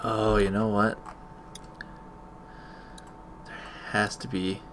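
A man's voice: lowish voice, little pitch movement, slow pace, noisy background. A man giving casual let's-play commentary, muttering to himself with mild exclamations as he plays a video game. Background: video game sound.

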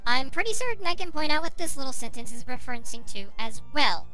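A woman's voice: sits high, sing-song, quick pace, bright, forceful tone, soft background music, poor audio. A woman reviewer giving a sarcastic, argumentative commentary rebutting another video.

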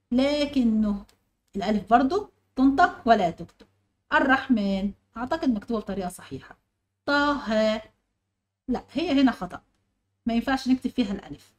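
A woman's voice: a little high, a little mellow. A young woman teacher with an Egyptian accent explaining a grammar exercise step by step and putting questions to her pupils. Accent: Egyptian Arabic. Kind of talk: online grammar lesson.

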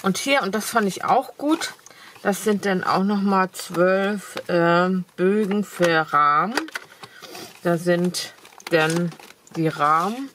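A crafting vlogger with a cold chats casually and enthusiastically, with lots of fillers, while showing off craft supplies at her desk for a haul video. Her voice is on the low side, slow and a bit bright. The camera sits over the desk showing only her hands, and there's a little hiss or hum.

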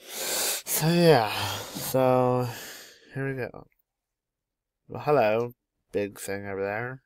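A man's voice: mid-range voice, drawn-out words, clear, resonant tone, no echo. A young man at home casually commenting on a game mod, chatty and easily delighted as he names each animal that appears. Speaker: gaming YouTuber.

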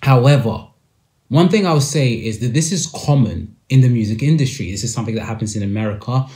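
Podcast host guy, mellow tone, keeps hammering his point home. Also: medium pitch, brisk. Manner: emphatic and repetitive. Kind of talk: casual commentary.

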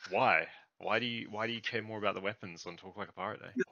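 Young male host, low bright voice, loose and profane, close dry lo-fi mic. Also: fast talker, creaky, no room sound. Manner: loose, swears casually, talks to viewers. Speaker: YouTube host. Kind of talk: casual gaming chat. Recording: dull lo-fi sound.

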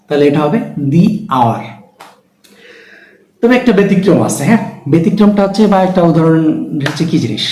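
A man's voice: fairly high pitch, a little mellow, reverberant, low-quality recording. A man teaching English pronunciation, asking questions and answering them himself while stressing his examples. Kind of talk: explanatory lesson.

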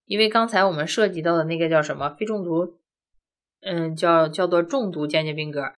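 Speaking a little fast in a fairly low voice, a woman teaches grammar in classroom style, moving point by point and regularly asking rhetorical questions. She is a language teacher whose first language is Chinese.

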